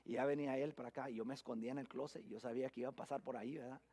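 A middle-aged man preaching a sermon, swinging from loud emphasis to a hushed near-whisper, with frequent restarts and repeated words. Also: mid-range voice, fairly even intonation, racing, husky. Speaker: pastor.

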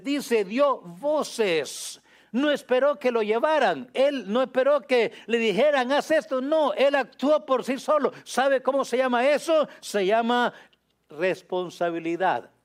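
A man preaching a sermon in an emphatic way, repeating key phrases and often dropping to a low, soft voice.

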